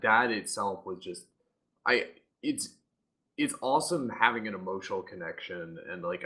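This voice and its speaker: A man's voice: low voice, pushed and bright. A man on a casual community livestream panel, heartfelt and full of filler words.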